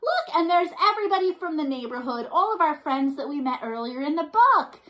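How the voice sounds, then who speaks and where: Leading a read-aloud and singalong for little kids, this librarian speaks a little fast in a high, expressive, somewhat bright voice. She's playful and encouraging and frequently puts questions to her young audience.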